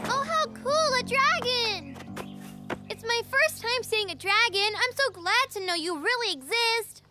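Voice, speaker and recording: A woman voicing an excitable, cheeky little schoolboy in a children's storybook cartoon. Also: extremely high pitch, a little slow, full character voice. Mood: delighted. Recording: music behind the voice.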